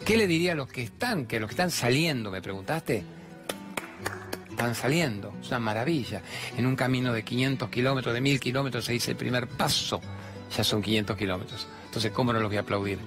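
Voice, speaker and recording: A man with an Argentine accent hosting a self-help talk show, preaching and telling stories with lively, acted-out voices. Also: mid-range voice, a little fast, over music. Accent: Argentine Spanish. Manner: animated, preachy, acts out characters in stories. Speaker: self-help radio host. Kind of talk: motivational talk and storytelling.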